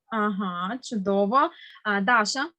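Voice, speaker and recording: A woman teaching an online language lesson to children over a video call. She is patient and encouraging, stresses words slowly and carefully, and praises each answer. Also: medium pitch, sharp tone.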